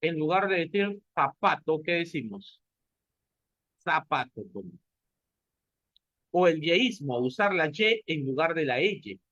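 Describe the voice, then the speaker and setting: With hardly any pauses and a normal pace, a Peruvian teacher lectures in a fairly high, somewhat bright voice with lively intonation, asking questions and answering them himself. He has a Peruvian Spanish accent. The audio is dull, with no echo.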